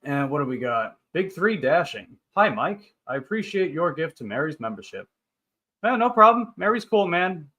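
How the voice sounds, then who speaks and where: Very animated and sharp-toned, a man of thirty with a fairly high voice keeps up moderate-paced, upbeat banter on his casual livestream. He reads viewer comments aloud and answers them in a rambling way.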